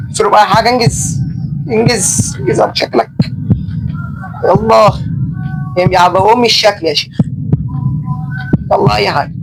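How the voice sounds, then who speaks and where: A man's voice: high-pitched, poor audio. A young man with an Egyptian Arabic accent chatting casually as he plays, joking at himself and yelping when things go wrong. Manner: chatty, self-mocking, panicky yelps when attacked. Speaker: gaming channel host. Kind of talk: casual Minecraft let's play commentary.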